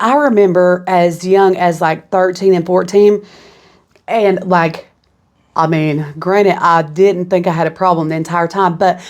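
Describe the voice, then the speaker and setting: A young woman from southeastern Kentucky, with a Kentucky accent, chats casually as a podcast guest and says "you know what I'm saying" a lot. Her voice is lowish and slightly mellow.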